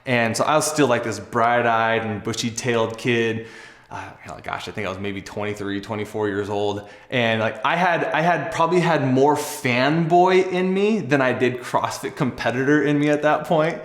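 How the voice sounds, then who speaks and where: Speaking to camera at a normal speed, a young man who is an athlete and video host shares a personal story in a casual, earnest way. His tone is conversational and reflective, his voice medium-pitched, and the room adds echo. He is a young adult.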